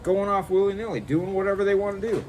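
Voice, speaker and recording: An American man co-hosting a casual political chat outdoors, speaking haltingly in an incredulous, sarcastic way. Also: high voice, darkish tone. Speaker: co-host of a political commentary show. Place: outdoors in a backyard. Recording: clear background noise, outdoor backyard ambience.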